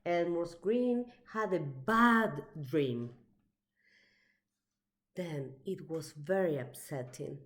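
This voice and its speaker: Expressive and deliberate, a woman with a fairly low pitch reads a children's picture book aloud as a storyteller.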